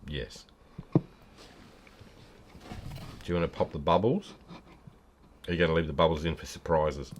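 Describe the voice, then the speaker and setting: A man's voice: a bass voice, measured pace, long pauses, a little hiss or hum. A middle-aged man, bantering in an easygoing, encouraging way. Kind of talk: casual chat.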